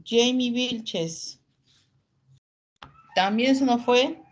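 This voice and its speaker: A patient female English teacher leads an online class over a video call, calling on students as she explains things slowly in a blend of Spanish and English. Her voice sits on the high side, and the recording sounds muffled.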